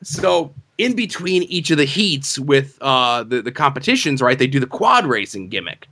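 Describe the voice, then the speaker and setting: Bright-voiced man telling a rambling story. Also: mid-range voice, sing-song, moderate pace. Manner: rambling, full of "like" and "right?", slips into mock announcer voices. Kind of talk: casual comedic storytelling.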